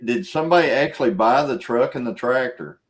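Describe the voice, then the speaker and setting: A man's voice: mid-range voice, animated, a little fast. A man, hosting a casual chat in a folksy, rambling way and laughing often. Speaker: show host.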